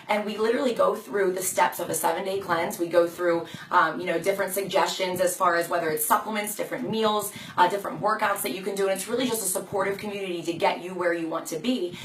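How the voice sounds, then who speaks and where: A woman fitness coach talks casually to her live viewers in a hoarse, worn voice. She is chatty and encouraging, at an average pitch for a woman. The sound is echoey and a little distant from the mic, with some background noise. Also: fairly bright tone.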